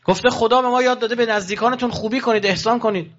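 His intonation is fairly even and his voice a bit bright as a man preaches passionately to pilgrims, and the recording's highs are cut off. He asks rhetorical questions and swings his pitch abruptly up and down.

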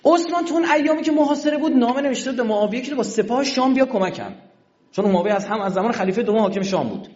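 A man's voice: very high-pitched, muffled recording. A man giving a religious history lecture in a colloquial storytelling manner, acting out the dialogue of the people in his story. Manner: animated storyteller who acts out quoted dialogue.

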